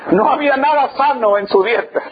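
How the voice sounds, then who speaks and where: A man's voice: very high-pitched, brisk, lo-fi sound, slight background noise. A man preaching a storytelling sermon, emphatic and repeating his key phrases.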